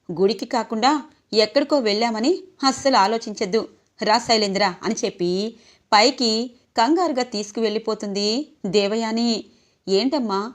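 A woman retelling a TV serial episode as a story, reading out every character's lines in turn. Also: fairly high pitch. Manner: animated storytelling, acts out each character's lines. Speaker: serial recap narrator. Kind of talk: retelling a TV serial episode, voicing all dialogue.

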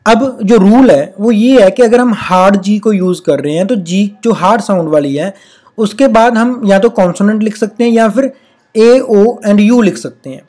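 A teacher gives a spelling lesson, reading rules slowly and deliberately, repeating example words, and explaining at a patient, steady pace. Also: mid-range voice. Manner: reads English rules out slowly and deliberately, then explains in Hindi. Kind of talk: recorded classroom-style lesson.

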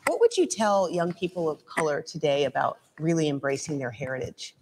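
A woman's voice: low voice, animated, fairly quick, a little mellow, slightly rough. A woman interviewing a guest on stage before an audience, friendly and conversational with some hesitant fillers. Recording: hall with long reverb and faint noise.

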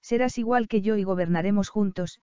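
A woman voicing a tender, anxious young male prince, dropping her voice low and speaking in a hushed, earnest way. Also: fairly quick, smooth, dry recording, lo-fi sound, lightly acted.

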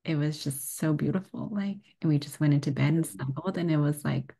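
A young woman guest on a podcast, telling her birth story in a chatty, animated way, full of "like" and laughter. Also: deep voice, fairly quick, vocal fry. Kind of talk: casual birth story told in an interview.

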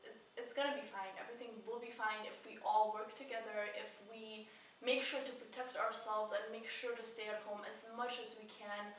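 A young adult woman talks earnestly to camera as a casual vlogger, rambling a little with heartfelt emphasis in a slightly high, bright, forceful voice. She's in a small indoor room with bare painted walls. The distant camera mic makes it sound echoey, with faint noise.

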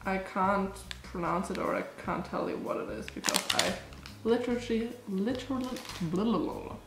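Tasting snacks indoors in a little cottage room, a young food vlogger from Germany talks with allergy congestion blocking her nose, rambling and filling gaps with "like" and "um." Her voice sits at medium pitch with a moderate pace and a creaky quality. The camera is close in front, but the room echoes and heavy background noise intrudes.

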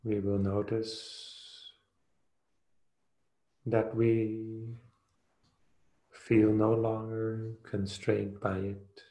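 A meditation teacher with a lowish voice leads a guided session, speaking evenly and very slowly. His soothing short phrases are separated by long pauses, and the roomy recording leaves a clear echo around him.

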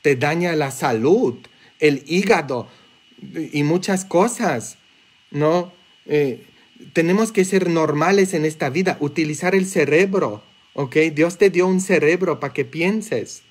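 This man's voice is on the high side and husky, carrying a Mexican Spanish accent. As a priest delivering a sermon, he keeps things conversational and humorous, with rapid asides.

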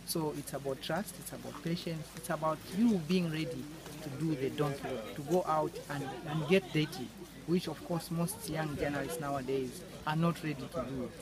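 A man's voice: fairly high pitch, normal speed, crowd noise, low-quality recording. A man, an agricultural journalist giving an earnest interview answer outdoors in a banana field, repeating words as he builds his point. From Zambia. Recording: outdoor noise behind the voice.

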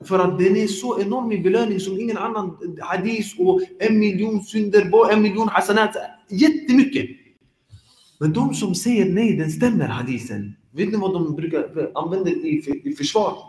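A man giving an informal religious reminder to a congregation, lively and animated, acting out everyday examples with laughs. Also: high-pitched. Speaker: preacher giving a dawn reminder. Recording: echoey hall with long reverb.

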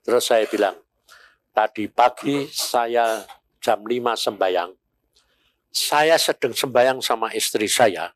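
A man's voice: medium pitch, slow, pauses often. An older man, preaching a sermon and telling a story, acting out the voices of the people in it. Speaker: pastor.

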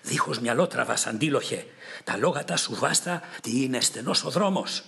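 A man voicing an angry king who shouts and scolds from his chariot in an epic poem reading. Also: mid-range voice, gravelly, pitched above the performer's own voice. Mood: alarmed.

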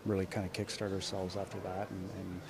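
A middle-aged man, a head coach, answering reporters after a game in a measured way, often restarting his sentences. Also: sits low, little pitch movement, creaky, noisy background. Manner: measured, frequent restarts and repeated words. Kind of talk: postgame press conference. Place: indoor media room before a sponsor backdrop. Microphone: cluster of handheld reporter mics.

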